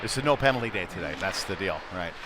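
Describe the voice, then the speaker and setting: A man with a low voice and lively intonation does fast, folksy, informal play-by-play of an ice hockey game on a live stream from an indoor rink. Loud arena ambience sits behind him, with puck and board slams.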